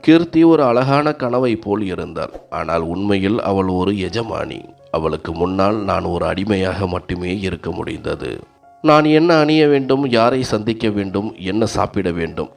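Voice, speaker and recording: Low gravelly guy reading a first-person family story, earnest and dramatic.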